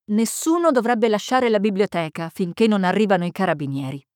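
A woman's voice: mid-range voice, animated, a little fast, a little mellow, no room sound, clean studio sound, lightly acted. A woman reading the part of a level-headed man who insists firmly. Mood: insistent. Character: adult man, calm and insistent investigator type.

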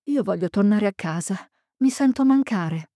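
A woman's voice: mid-range voice, expressive, normal speed, warm tone, dry recording, studio quality, lightly acted. A woman reading the part of an older mother who murmurs, frightened and faint.

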